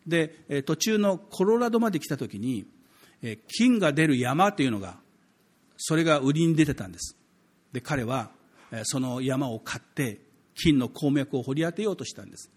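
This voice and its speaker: A man's voice: a little high, lively intonation, normal speed, a little mellow, husky. A man preaching a sermon as a pastor, talking conversationally to the congregation, with emphatic swells.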